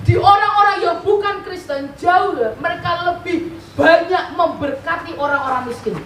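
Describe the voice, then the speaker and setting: A woman's voice: very high voice, moderate pace, a little hiss or hum. A woman preaching a sermon, telling stories and asking the congregation questions that she answers herself. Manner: animated storytelling with call-and-response questions. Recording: echoey hall, mic at a distance.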